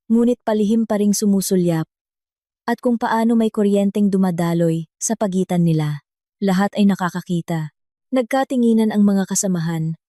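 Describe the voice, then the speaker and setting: A woman narrating a drama story in a slow, even storytelling manner. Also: medium pitch, dry recording, clean studio sound. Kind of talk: scripted narration.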